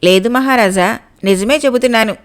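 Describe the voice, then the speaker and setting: A woman narrator voicing a shrewd, firm older male royal guru in a told folk tale, speaking in a measured, reasoning way. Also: on the high side, lightly acted.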